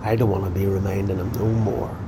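An actor playing a domineering, foul-mouthed crime boss who gives clipped, threatening commands in a naturalistic drama. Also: male voice, little pitch movement, a little fast. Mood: cold, threatening. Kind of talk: naturalistic screen drama acting. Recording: noisy, rumbling car interior ambience.

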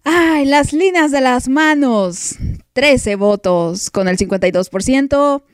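A woman hosts a casual music show, her voice sitting a little high. She teases and mock-scolds her listeners and laughs often. The recording is dry and close, with no room echo. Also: clean tone. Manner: playful, teasing, laughs often, mock outrage. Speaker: podcast host. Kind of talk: casual music podcast chat.

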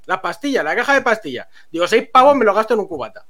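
High-voiced man telling a story. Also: quick pace. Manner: animated, laughs often while telling a story. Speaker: streamer. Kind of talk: casual storytelling to friends.

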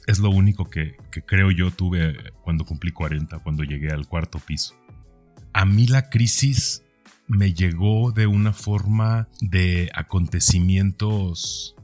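With music behind him, a deep-voiced podcast host in his forties muses about himself in a relaxed, reflective monologue. His tone is darkish and low, and he tends to round off thoughts with a small questioning tag.

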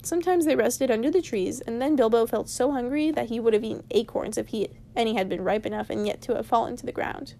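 Woman reading a storybook aloud, slightly higher voice, steady and unhurried. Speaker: reader. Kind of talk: storybook read-aloud narration.

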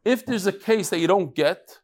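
With a high-pitched, expressive, slightly mellow voice at a moderate pace, this mature rabbi, middle-aged or older, leads a casual Talmud class. He asks questions and answers them himself, wandering into chatty asides along the way.

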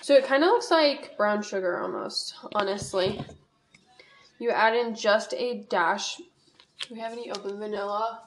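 A woman's voice: medium pitch, unhurried, a little hiss or hum. A young woman casually talking through a recipe in her home kitchen, rambling and poking fun at herself. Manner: rambling, chatty, self-deprecating. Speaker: podcast host. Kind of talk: casual cooking talk.

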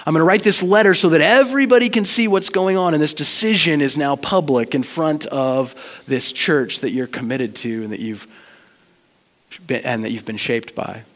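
In a church sanctuary, a male pastor with a fairly high, slightly bright voice preaches at a normal speed, sharing personal stories earnestly and conversationally. The recording carries the long reverb of a large hall.

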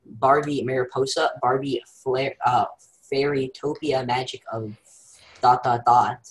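A teenage boy chats on a video call as a podcast co-host. He is excitable and often repeats the same word over and over in rapid bursts, with a middle pitch and an everyday tone. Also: rough recording. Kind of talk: casual chat.

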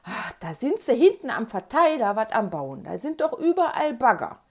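A woman's voice: a little high, sing-song, moderate pace, a little mellow. A woman with a Ruhr German accent voicing a chatty, brusque older aunt in a spoken memoir story. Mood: offhand. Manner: offhand, dialect-heavy.

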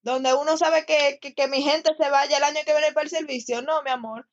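A woman's voice: high-pitched, steady tone, brisk. A woman co-hosting a podcast, speaking expressively in casual chat. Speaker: podcast co-host. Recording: dull lo-fi sound.

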